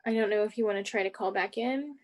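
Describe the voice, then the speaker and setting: A woman's voice: medium pitch, fast talker. A woman mayor chairing a city commission meeting, speaking politely and procedurally.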